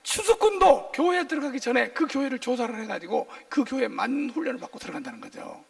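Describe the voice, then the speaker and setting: Male pastor, very high and rough-edged voice, swooping delivery, playful preacher who quizzes his flock, heard from a distant church mic. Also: quick pace. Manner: lively, quizzes the congregation with call-and-response questions; jokey, playful asides. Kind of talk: sermon.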